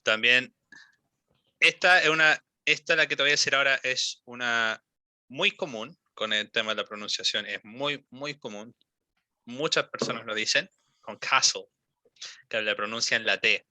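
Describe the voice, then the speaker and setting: A young man, giving one-on-one English pronunciation coaching, patient and modeling words slowly with many fillers. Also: mid-range voice, sharp tone, no echo. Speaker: English teacher.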